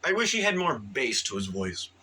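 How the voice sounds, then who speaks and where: Bright-voiced rambling male reviewer. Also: mid-range voice, sing-song, normal speed, husky, poor audio. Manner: rambling, full of fillers and restarts, enthusiastic. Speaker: movie reviewer. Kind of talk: casual spoken review.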